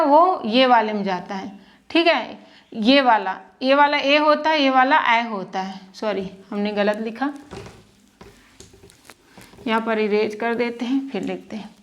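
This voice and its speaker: A woman teaching how to spell names, patiently sounding out syllables and checking in with the listener. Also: sits high. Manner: patient, repeats and checks with "ठीक है". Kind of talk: slow spoken lesson.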